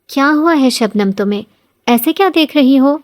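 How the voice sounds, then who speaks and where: Shy worried young wife, quiet and meek, woman reading it. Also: sits high, expressive, voice pushed up. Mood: anxious. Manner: meek, anxious. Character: timid downtrodden young wife.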